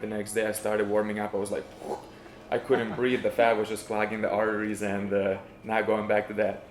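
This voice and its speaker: Young man, lowish monotone, modest easygoing fighter, hesitant casual answers, echoey room. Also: a little fast. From Lithuania. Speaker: MMA fighter being interviewed.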